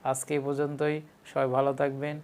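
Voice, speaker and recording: A man teaching an online pronunciation lesson, speaking in a measured, patient way and repeating each word several times. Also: medium pitch, monotone, darkish tone, clean tone.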